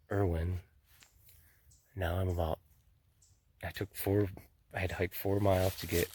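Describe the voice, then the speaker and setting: A man vlogging on a long-distance hike, talking casually and rambling, laughing often and swearing now and then, sometimes out of breath, into a handheld phone outdoors in the mountains. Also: sits low. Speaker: thru-hiker vlogging on the trail. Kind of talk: casual handheld trail vlog. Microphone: phone camera held by hand.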